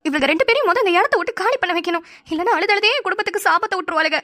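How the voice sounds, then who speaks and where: A dramatic village grandmother in a cartoon scolds and moans in a high, piercing voice, as a woman acts her out. She talks quickly and never stops complaining. Every line carries loud, theatrical feeling. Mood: lamenting. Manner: loud, scolding, full of wails and curses.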